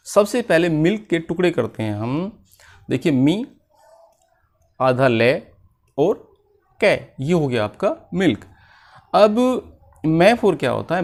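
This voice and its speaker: Guy teaching kids spelling, slow, asks then answers himself, voice jumps up and down a lot. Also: fairly high pitch. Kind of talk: spelling lesson for children.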